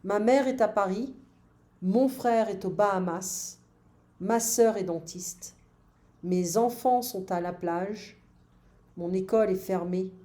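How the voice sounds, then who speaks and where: A woman's voice: mid-range voice, slow, long pauses, mellow. A woman teaching French grammar, drilling forms patiently and adding short English glosses. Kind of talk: online French grammar lesson.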